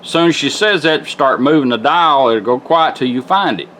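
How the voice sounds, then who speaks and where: With soft music playing behind him, a car radio restorer demonstrates a product at a normal pace. His mid-range voice is animated and fairly bright as he explains things step by step in plain, casual terms.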